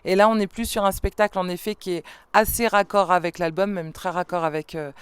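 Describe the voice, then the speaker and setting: A woman with a lowish, clean, steady voice speaks a little fast, with no room sound on the studio microphone. A singer and songwriter in a band whose first language is French, she answers interview questions hesitantly and thoughtfully, filling pauses and restarting often.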